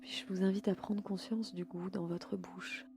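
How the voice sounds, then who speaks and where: A woman leading a guided yoga nidra sleep meditation in a slow, soft and soothing way. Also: on the low side, little pitch movement, creaky, soft background music.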